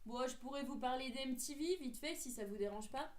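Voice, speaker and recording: A late-teen young woman co-hosts a casual group discussion, earnestly presenting theories while hesitating often and using many fillers. Her high-pitched voice is fairly quick and darkish, heard in an echoey room.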